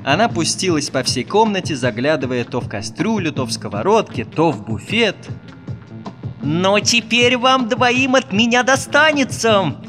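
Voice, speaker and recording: A man narrating a children's fairy tale, in a lively, expressive storybook style. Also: medium pitch. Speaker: audiobook narrator.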